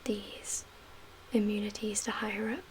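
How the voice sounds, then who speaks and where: A woman whispers softly and breathily, pausing in a measured way, in an ASMR roleplay as a calm, guarded medical official at a survivor camp. Her pitch is medium. Background hiss and ambience can be heard.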